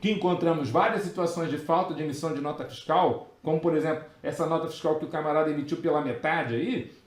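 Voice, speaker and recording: A Brazilian man with a high, bright voice tells a workplace story to his students. He talks in animated bursts full of fillers and asides, and the sound rings in a roomy, echoey space. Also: fast. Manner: animated anecdote telling, many fillers and asides. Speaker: tax auditor and exam-prep teacher. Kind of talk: live storytelling lesson, reading viewer questions.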